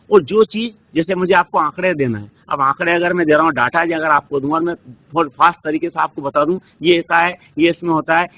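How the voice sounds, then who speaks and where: A lecturer with an Indian accent, his voice slightly raised and husky. He explains patiently through examples and rhetorical questions. The recording sounds dull and lo-fi. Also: on the high side. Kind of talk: classroom lecture. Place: classroom studio.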